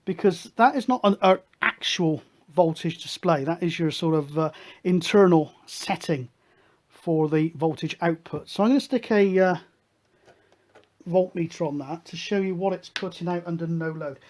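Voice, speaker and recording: A man's voice: a little high, normal speed, darkish tone. British guy doing a casual hands-on electronics demo, chatty and matter of fact. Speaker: host of a hobby electronics video show.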